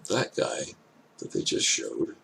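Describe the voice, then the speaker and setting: An older man with an elderly-sounding voice gives casual off-the-cuff commentary, thinking aloud in halting, hesitant phrases. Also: a bit bright, rough recording. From Canada. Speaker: reaction video host. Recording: clear background noise.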